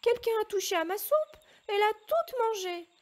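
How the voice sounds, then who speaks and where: A woman voicing a tiny bear cub in a storybook reading, crying out in a shrill little voice. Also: lively intonation, moderate pace. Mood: indignant.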